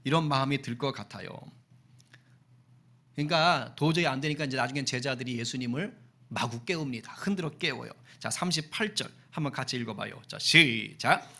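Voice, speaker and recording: A man, a senior pastor, preaching a Sunday sermon in a conversational and lively way, acting out voices in his storytelling. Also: mid-range voice, fairly quick, gravelly. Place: church sanctuary.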